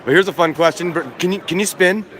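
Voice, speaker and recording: A man's voice: high-pitched, fairly even intonation, fast. A man reading out viewer questions to the host at an outdoor show, playful and teasing. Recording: busy crowd noise behind.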